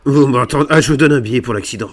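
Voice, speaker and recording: A video creator plays a prankster in online roleplay, improvising cheeky, provocative, swearing banter into a gaming microphone. His mid-range voice moves very fast.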